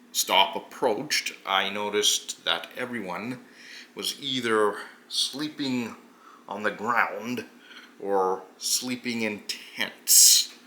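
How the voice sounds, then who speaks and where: A man voicing a pompous, gravelly hobgoblin who sees himself as a hero and formally recounts his tabletop fantasy adventure, drawing out his words. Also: lowish voice, bright, forceful tone, exaggerated voice. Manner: pompous, deliberate, formal storytelling with drawn-out words. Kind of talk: in-character tabletop adventure narration.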